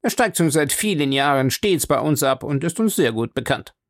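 A man's voice: a little high, lively intonation, normal speed, no echo, clean studio sound, pitched above the performer's own voice. A man doing a fussy, eager hotel clerk. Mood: obliging. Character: polite hotel desk clerk.

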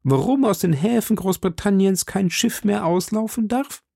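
A man's voice: high-pitched, animated, normal speed, vocal fry, a little mellow, no room sound, studio quality, pitched above the performer's own voice, heavily acted. A man reading an audiobook, voicing a polite, cautious court secretary who questions his master deferentially.

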